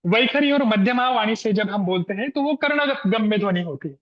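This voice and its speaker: A man giving an online guest lecture over a video call, explaining slowly with pauses and demonstration examples. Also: high voice, animated, highs cut off. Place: room in Gujarat.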